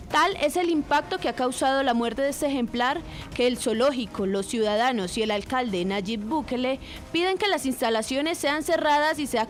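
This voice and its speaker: A woman reporter reading a scripted news item in a steady, formal way. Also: high voice.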